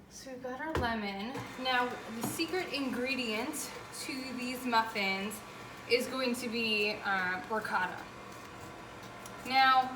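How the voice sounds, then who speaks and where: Chatty lady doing a casual baking video, kinda high voice, echoey room, talks informal and emphatic. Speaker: home baking show host. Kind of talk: casual cooking demonstration. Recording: roomy echo, distant mic, noisy background.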